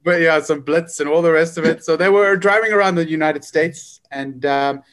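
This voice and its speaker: Guest type: forty-year-old man, slightly high voice, hesitant and full of fillers. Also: moderate pace, a bit bright. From South Africa. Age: 40s. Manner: hesitant, many fillers and restarts. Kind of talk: casual interview.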